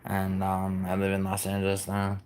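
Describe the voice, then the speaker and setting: Born in Italy and raised in New York, a man chats casually on a live stream, answering viewers' messages in a rambling, profane way full of fillers and restarts. His voice is low and darkish, with a completely flat delivery at normal speed. A little hiss or hum runs underneath.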